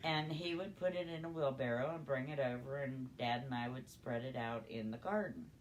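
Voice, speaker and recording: An older woman, a grandmother storyteller, reminisces about her life in conversational storytelling. Her voice is very deep and steady at normal speed, and the rough recording has noticeable background noise.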